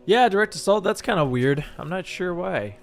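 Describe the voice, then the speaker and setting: A man hosting a live stream of a board game, commentating as he plays and bursting into shouts and laughter. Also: high-pitched, animated, normal speed, gravelly, faint music behind. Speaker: streamer and channel host.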